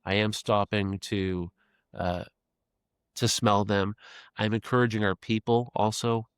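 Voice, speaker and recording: Man, 50, podcast guest; low-pitched, dry sound, earnest reflective delivery. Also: level tone, measured pace, smooth, no room sound. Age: 50s. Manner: earnest, reflective, repeats phrases while thinking. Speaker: podcast guest, creative executive. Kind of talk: casual reflective interview talk.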